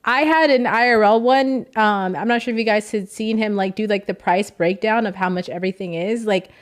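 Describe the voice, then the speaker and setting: A woman's voice: mid-range voice, brisk. A young woman streamer talking casually and emotionally to her chat, rambling and thanking viewers.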